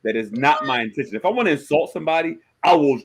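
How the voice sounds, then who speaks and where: A man in his forties, a host, telling stories in a joking, animated way during a casual chat. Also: a little high, fast. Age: 40s.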